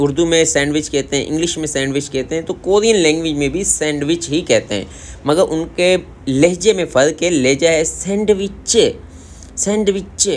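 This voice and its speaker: A man with a Pakistani Urdu accent giving a casual language lesson, saying each word again and again in a Korean-style pronunciation. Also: fairly high pitch. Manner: repeats words slowly in a Korean-style pronunciation. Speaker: language teacher.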